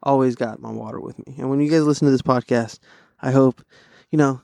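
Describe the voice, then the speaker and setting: A stoned young man hosts a casual solo podcast. His voice sits at a medium pitch in a dry, echo-free recording. He talks in loose, profane bro slang, circling back over his own phrases. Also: steady tone, a little fast, creaky, mellow. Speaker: podcast host.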